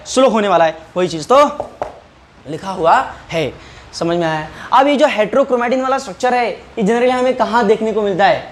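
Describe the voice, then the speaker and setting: A male teacher giving an online class lecture. He asks questions, answers them himself, repeats key terms and keeps checking whether the class has understood. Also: sits high. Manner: checks understanding often with rhetorical prompts. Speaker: biology teacher.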